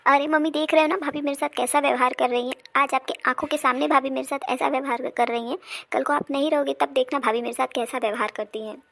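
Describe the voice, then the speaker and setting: A high, gravelly voice of a spoiled young woman, acted by a woman in a homemade family comedy. She orders people around in a whiny, demanding way and turns everything into a complaint. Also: fairly even intonation, quick pace, few pauses, a bit bright. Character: bossy spoiled married daughter visiting home. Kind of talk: amateur family comedy drama.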